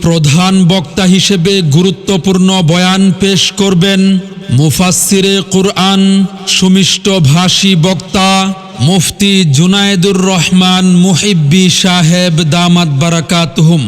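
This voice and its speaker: High-pitched man announcing in heavy reverb. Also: little pitch movement, unhurried. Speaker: event announcer. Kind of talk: formal scripted public announcement for a religious gathering. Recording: long hall reverb, music behind.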